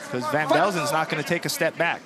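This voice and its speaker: A man's voice: fairly high pitch, fairly even intonation, quick pace, a loud crowd. A man giving casual live fight analysis as an expert kickboxing commentator. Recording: loud arena noise behind commentary.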